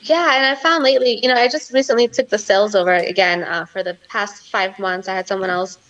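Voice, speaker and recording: A woman from Costa Rica, a marketing consultant, speaking as an interview guest in a relaxed, matter-of-fact way. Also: medium pitch, fast, distant mic, lo-fi sound. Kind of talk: casual interview chat.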